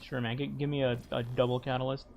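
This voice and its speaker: A man's voice: medium pitch, level tone, quick pace, creaky, darkish tone, a little hiss or hum. A man streaming a game, chatting casually in a self-deprecating way. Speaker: livestreamer.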